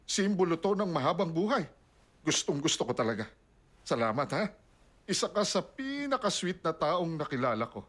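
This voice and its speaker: Doting elderly grandpa, sighing warm praise, husky and animated. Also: male voice, a little high, moderate pace. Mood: delighted. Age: older. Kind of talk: Tagalog drama dub.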